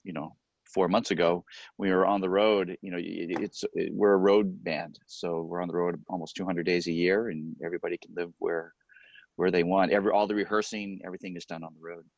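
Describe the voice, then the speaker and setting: A man's voice: sits low, flat delivery, fairly quick, no room sound, muffled recording. A middle-aged man, a longtime member of a brass quintet, answering questions at a masterclass in a rambling way with dry humor.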